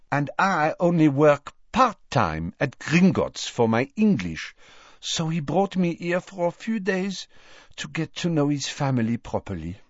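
A man's voice: mid-range voice, a little mellow, no room sound. A man voicing a graceful, self-assured young woman with an airy, lilting, sweetly condescending manner. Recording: dull lo-fi audiobook recording.

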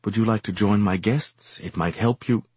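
A man's voice: on the low side, moderate pace, darkish tone, husky, dry recording, pitched above the performer's own voice. A man voicing a nervous, guilt-ridden wealthy young man who stammers and pleads earnestly. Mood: pleading.

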